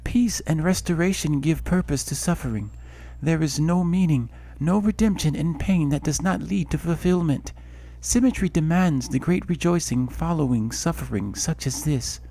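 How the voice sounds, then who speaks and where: A man voicing a solemn, commanding goddess in a fantasy game, with measured, poetic delivery. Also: a little high, dark tone, voice pushed up. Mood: solemn, hopeful. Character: solemn, commanding goddess speaking through birdsong and wind. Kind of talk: amateur voice acting in a fantasy game.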